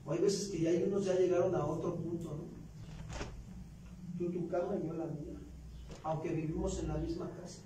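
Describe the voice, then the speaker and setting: A man's voice: fairly high pitch, steady tone, normal speed, long pauses, background noise. A man with a Mexican Spanish accent preaching a sermon, talking conversationally and tossing in rhetorical questions. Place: church. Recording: very echoey church room, voice from far off.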